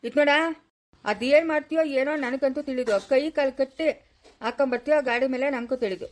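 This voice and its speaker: Casting: stern rural grandfather in a family skit, quick high delivery; woman in the role. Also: a little mellow, lightly acted. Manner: scolding, then soothing. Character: stern scolding village grandfather, old man.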